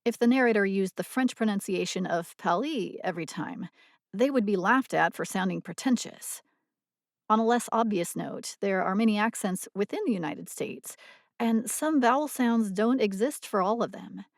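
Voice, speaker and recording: A woman's voice: mid-range voice, dry recording. Woman reading a dry, close audio blog. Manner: measured, explanatory reading. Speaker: audio blogger and voice narrator. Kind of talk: scripted audio blog narration.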